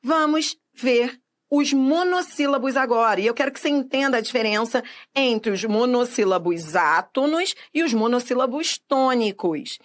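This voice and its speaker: A woman with a fairly high voice leads a grammar video lesson. She talks directly to the viewer, poses questions and answers them herself, and stretches each example word out slowly so it can be heard clearly. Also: expressive. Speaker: Portuguese grammar teacher.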